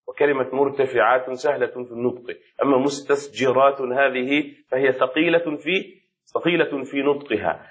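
A man's voice: on the high side, a bit bright. A man, a sheikh, teaching a classroom lesson on rhetoric, patiently repeating key words and checking that the student follows. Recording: dull lo-fi recording.

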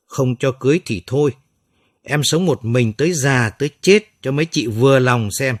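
A man's voice: mid-range voice, moderate pace, no room sound, studio quality, lightly acted. A man voicing a young pharmacist defending his pregnant lover against his sisters, pleading and defensive. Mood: sulky.

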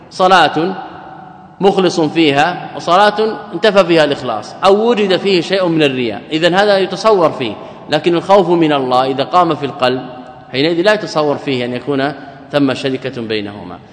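A man lecturing on a religious text, his voice a little high for a man, carried on a long hall reverb. He quotes a passage, then glosses it step by step, asking and answering his own questions as he teaches. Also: a bit bright. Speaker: Islamic scholar teaching a text. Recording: echoey hall recording.

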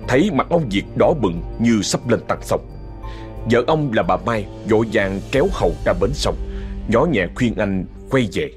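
A man narrating a ghost story in a dramatic, expressive way. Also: fairly low pitch, moderate pace, soft background music.

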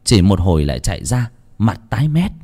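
A man's voice: lowish voice, very animated, brisk, dark tone. A man narrating a horror folk tale in a dramatic, vivid way. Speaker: storyteller.

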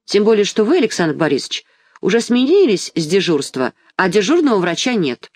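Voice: medium pitch, sing-song, a little fast, darkish tone, no echo, clean studio sound. A reader voicing a strict, indignant middle-aged nurse.

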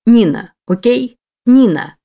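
A woman's voice: a little high, animated, slow, gravelly, dark tone, voice pushed up, exaggerated voice. A woman voicing a fierce young woman of about twenty who answers curtly and with hostility, read as an audiobook character. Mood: defiant. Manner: curt, hostile.

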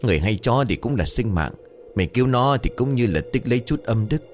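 A man's voice: a little fast, soft background music, lightly acted. A man voicing a stubborn older boatman husband who speaks firmly and brushes off his wife's fears. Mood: gentle. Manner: firm, dismissive, low and steady.

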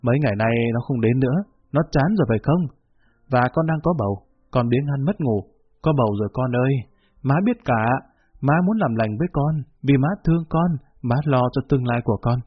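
A man voicing a cold, blunt middle-aged mother who speaks in a flat, unbending tone, in a dull lo-fi recording. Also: mid-range voice, a little fast, slightly rough, close to an everyday voice. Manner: flat, level, unbending delivery.

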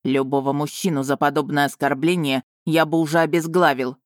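A woman voicing an arrogant male dragon suitor in an audiobook, her voice lowered and firm. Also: little pitch movement, a little fast, dry recording, clean studio sound, lightly acted. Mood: growling.

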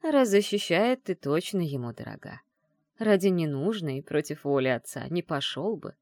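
A woman reading the part of a caring, shrewd middle-aged witch mother in an audiobook, in a gentle, teasing way. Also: sits low, lively intonation, moderate pace, no room sound, studio quality. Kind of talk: audiobook character voice.

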